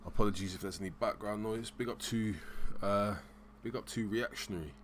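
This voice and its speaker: A man hosting a casual live stream, rambling and hesitant, giving shout-outs in slang. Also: fairly low pitch, steady tone, fairly quick, slight background noise. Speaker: livestream host.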